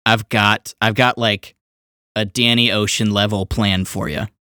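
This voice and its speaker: A man's voice: on the low side, flat delivery, unhurried, pushed and bright, smooth, no echo, studio quality. A man co-hosting a podcast, spinning a playful plan and laughing often in casual chat. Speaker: podcast co-host.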